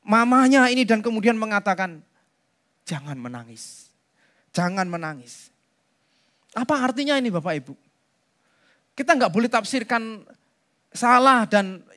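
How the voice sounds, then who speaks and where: A man's voice: very high voice, bright, forceful tone. A man preaching to his congregation. He talks in a loose, conversational way, speaks to them directly and drops in asides. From Indonesia. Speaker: pastor. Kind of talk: sermon.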